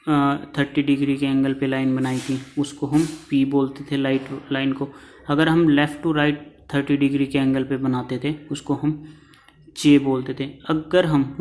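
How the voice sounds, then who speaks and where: A man's voice: on the high side, darkish tone, low-quality recording. A man teaching a shorthand class who explains step by step and repeats each key term. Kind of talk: classroom lesson.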